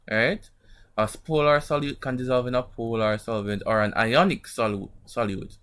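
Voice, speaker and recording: A man teaching an online lesson informally, his speech slightly muffled by a sore mouth, often checking in with short tag questions. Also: mid-range voice. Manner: didactic, frequent check-in tags like "right?" and "okay?". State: sore mouth from an emerging wisdom tooth. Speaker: chemistry teacher. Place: online class over screen share.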